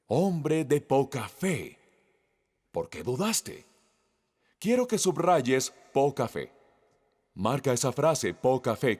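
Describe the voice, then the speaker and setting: Slow, lively-voiced preaching man, hall reverb. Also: mid-range voice. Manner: slow, emphatic preaching with questions to the congregation. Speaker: pastor. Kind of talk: sermon.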